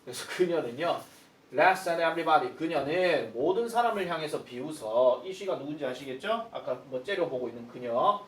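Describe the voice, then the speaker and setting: A man's voice: fairly high pitch, expressive, recorded from a distance. Korean-speaking male teacher in an echoey room. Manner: explains slowly, mixes Korean with read-out English phrases. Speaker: high school English teacher. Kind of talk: textbook lesson explanation.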